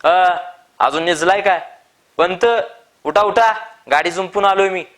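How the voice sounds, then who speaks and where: A man doing a loud, high-calling farmer. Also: steady tone, normal speed, close to an everyday voice. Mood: calling loudly. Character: seasoned middle-aged male farmer, pushy buyer.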